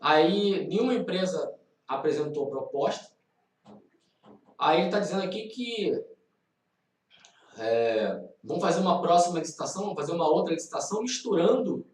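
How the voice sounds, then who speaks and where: A man's voice: high voice, roomy sound, far from the mic, rough recording. A man with a Brazilian Portuguese accent teaching law in a live online lesson, explaining exam questions and driving key points home by repeating them. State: tired. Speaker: law professor.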